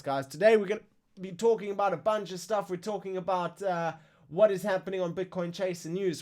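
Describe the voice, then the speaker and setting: A man with a slightly high voice hosts a casual crypto news live stream. He reads through price drops with excited asides while trying to talk past a bout of hiccups. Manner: excitable, exclaims over numbers.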